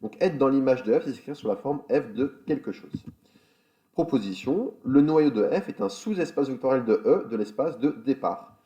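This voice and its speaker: A man teaching a recorded math lecture, explaining step by step, with fillers and quick self-corrections. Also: mid-range voice, animated, dark tone. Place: school in France.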